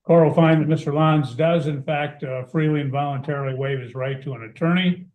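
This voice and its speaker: A man's voice: a little high, fairly quick, phone-quality sound. A man speaking as a judge in formal court proceedings, putting questions in procedural, formulaic wording, with a roomy echo. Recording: roomy, echoing sound.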